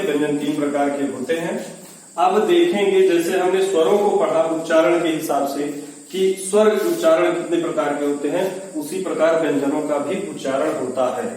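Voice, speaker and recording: A man's voice: fairly high pitch, darkish tone, recorded from a distance. A man teaching an exam-prep grammar lesson, patiently repeating terms, asking questions he then answers himself, and sounding out syllables in a sing-song way. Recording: echoey room, voice away from the mic, faint hiss.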